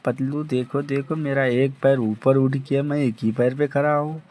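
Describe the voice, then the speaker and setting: A man voicing a chubby, excitable adult cartoon buddy in an amateur cartoon dub, exclaiming and repeating his lines. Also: mid-range voice, moderate pace, lightly acted. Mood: excited.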